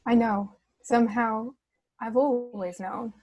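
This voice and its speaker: A woman's voice: on the high side, fairly even intonation, slow pace, a little mellow, lo-fi sound. A woman reading the part of a troubled, tender young princess in a film script table read on a video call. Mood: distressed.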